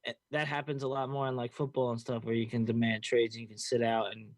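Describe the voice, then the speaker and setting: A man's voice: medium pitch, level tone, fast, no echo. A man co-hosting a casual sports chat, rambling loosely with lots of filler words. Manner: rambling, filled with "you know" and "like". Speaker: co-host.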